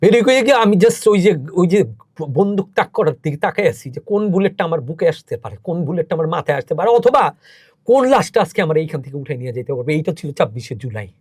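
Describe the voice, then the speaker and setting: A man's voice: fairly high pitch, big pitch swings, very fast, darkish tone, breathy edge, no echo, clean studio sound. A man, a podcast guest telling emotional, emphatic stories as a cultural organizer. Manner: emotional, emphatic storytelling with rising intensity. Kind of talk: impassioned interview talk.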